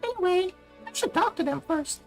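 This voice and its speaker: A man putting on a squeaky, strained falsetto as a tiny female fairy companion in a game, with an exaggerated delivery. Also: expressive, normal speed, creaky, faint music behind, heavily acted. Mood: chirpy.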